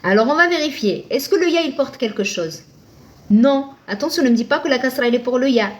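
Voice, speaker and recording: Woman, high voice, patient live online teacher who quizzes and answers herself. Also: animated, brisk. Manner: patient, asks and answers her own questions, thanks viewers by name. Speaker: Arabic reading teacher.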